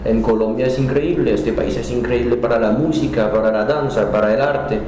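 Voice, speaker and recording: A French man who directs a cultural center speaks Spanish with a French accent as a guest in a casual interview. He's friendly but halting, often restarting words, in a mid-range, steady, dark voice; the audio is very echoey with a slight hiss or hum.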